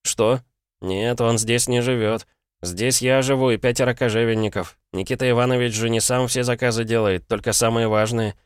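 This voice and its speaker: A man voicing an eager, nervous shop boy of about sixteen who chatters quickly and anxiously. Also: mid-range voice, steady tone, clear, resonant tone, no echo, clean studio sound, pitched above the performer's own voice, natural voice.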